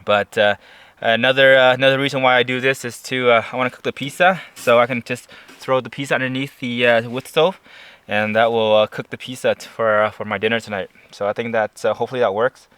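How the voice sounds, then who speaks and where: A man chatting casually to camera as a camping vlogger out in the cold, speaking haltingly as he searches for words, his mouth a little stiff from the chill. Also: medium pitch, steady tone, a bit bright, smooth, no room sound. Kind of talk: casual vlog chat to camera. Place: outdoors at a snowy mountain campsite.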